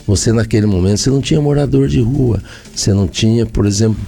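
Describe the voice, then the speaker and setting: Gravelly Brazilian mayor explaining. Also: male voice, on the low side, fast talker, warm tone. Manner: explanatory, lists points with repeated phrases. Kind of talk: radio interview answers.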